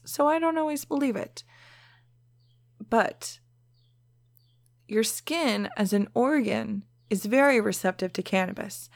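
A woman's voice: mid-range voice, no room sound, clean studio sound. A woman hosting a solo podcast in a casual, frank, stoned-sounding drift, swearing freely as she talks. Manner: stoned, unhurried, drifting delivery. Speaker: podcast host.

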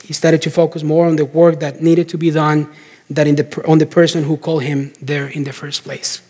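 A man with a fairly high voice speaks from what sounds like a big hall, with long reverb trailing his words. He delivers a sermon as a story, in measured phrases broken by deliberate pauses. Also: flat delivery, warm tone, breathy edge. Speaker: preacher.

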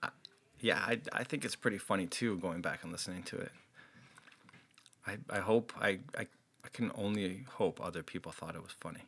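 Laid-back man co-hosting with lowish voice. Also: moderate pace, a bit bright, slightly rough. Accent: Minnesotan. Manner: laid-back, stammering, understated. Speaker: podcast co-host. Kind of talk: casual podcast chat.

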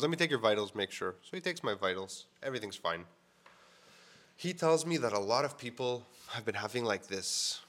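A vlogger tells a personal story to camera, frank and casual, with plenty of fillers and swearing. His voice is lowish with a fairly bright tone and sounds a bit congested. The audio comes from a mic on the camera setup.

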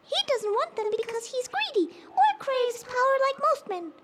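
A performer voicing a small, earnest female guardian elf in a children's story, squeaky and formal in manner. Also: big pitch swings, normal speed. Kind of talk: children's audio story character voice. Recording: loud background noise.

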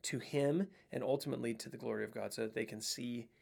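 A man with a mid-range voice and a gravelly, fry-edged texture. He walks through a Bible passage in casual, earnest conversation. He quotes the verses with quiet conviction. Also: medium pitch, fairly even intonation, quick pace. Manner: earnest, reflective, quotes scripture. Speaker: podcast co-host. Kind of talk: casual Bible study chat.

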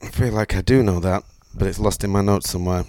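A man's voice: deep voice, steady tone, quick pace, darkish tone, no echo. A man, co-hosting a casual podcast chat and reading through his notes with lots of fillers. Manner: rambling, reads notes aloud with fillers. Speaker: podcast co-host.

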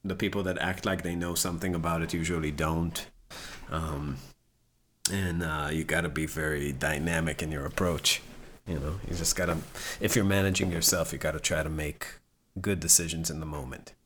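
A middle-aged man from Israel, a musician being interviewed, talking casually with halting restarts. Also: extremely low pitch, fairly even intonation, fairly bright tone, a little hiss or hum. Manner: halting, many restarts and fillers. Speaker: musician guest.

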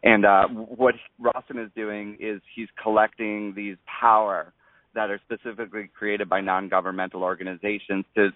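A man's voice: lowish voice, flat delivery, normal speed, no room sound. A man explaining informally as an interview guest, often searching for words. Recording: dry, tinny narrow radio sound.

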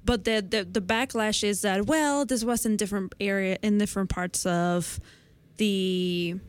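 A woman's voice: medium pitch, steady tone, unhurried, clear, resonant tone. A woman in her twenties, a podcast co-host, walking her co-hosts through a science study step by step in casual conversation. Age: 20s.

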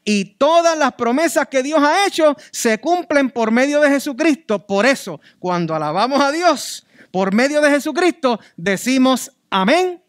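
Puerto Rican male pastor, high-voiced and emphatic, preaches in a dry close sound, hammers key words. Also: expressive, unhurried, few pauses, no room sound. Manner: emphatic, repeats key words, swings from loud to soft. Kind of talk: preaching a sermon.

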